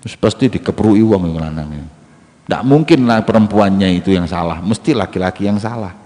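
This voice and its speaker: A man's voice: deep voice, a little fast. A male preacher, telling a story in a sermon with slang and jokes. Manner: lively, mixes in local slang and jokes. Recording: long hall reverb.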